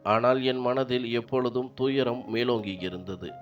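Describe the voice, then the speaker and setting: A man narrating a scripted first-person story, reading steadily and sorrowfully in short measured sentences. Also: mid-range voice, highs cut off, soft background music.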